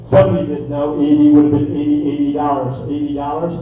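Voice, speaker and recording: Male auctioneer for live bid-calling, fast repetitive chant, heard from far off in a dull, very echoey room. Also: fairly high pitch, sing-song. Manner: rapid repetitive bid chant with filler phrases. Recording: echoey distant dull room sound, faint music.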